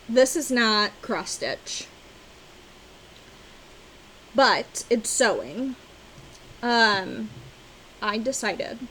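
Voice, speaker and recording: A fairly high-voiced woman talks slowly and casually to her camera, gushing over crafting supplies. She keeps bursting into loud, delighted exclamations. A faint hum of room noise sits behind her. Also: poor audio. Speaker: cross-stitch vlogger. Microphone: on-camera mic, seated at desk with ring light.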